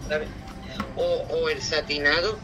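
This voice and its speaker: A woman on a phone call gives advice slowly, in a very bright and sharp voice. She talks in an unhurried, plain way, with faint music in the background. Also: deep voice, fairly even intonation.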